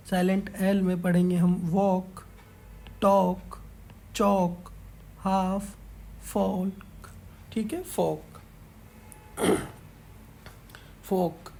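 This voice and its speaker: A woman's voice: mid-range voice, dark tone, a little hiss or hum. A woman teacher, patiently explaining a worksheet in an online class and often checking in with the pupils. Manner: slow, patient, repeats "ठीक है" after each point.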